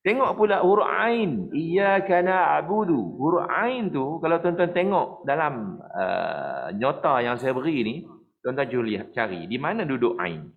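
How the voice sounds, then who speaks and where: A middle-aged man with a Malaysian Malay accent teaching Quran recitation, explaining patiently and chanting verses slowly to demonstrate. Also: mid-range voice, sing-song, gravelly, narrow, tinny audio.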